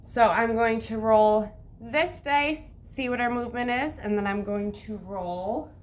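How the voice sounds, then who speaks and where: A woman's voice: on the high side, a little slow. A woman teacher talking like a kids show host to young children, with simple sing-song instructions and counting aloud.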